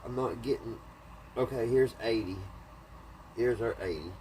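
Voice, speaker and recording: Muttering folksily to himself, a man works on an antique radio in a casual, hands-on repair video, voicing his thoughts as he goes. He has a mid-range, darkish voice and an unhurried delivery, captured on a clearly noisy home video.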